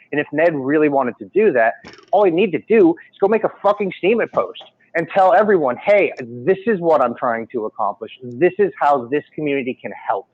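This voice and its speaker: A man's voice: mid-range voice, no echo. A man on a livestream call, blunt and profane, talking from home. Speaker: livestream panelist. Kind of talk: casual group chat on a livestream. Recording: dull lo-fi call audio.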